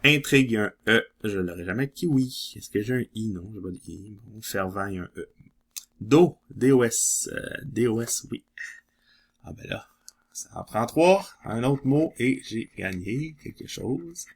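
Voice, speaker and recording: Gravelly-voiced Québécois man scratching tickets. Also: on the low side, animated. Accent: Québécois French. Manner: chatty, laughs often, reads letters aloud slowly. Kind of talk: casual commentary while scratching lottery tickets.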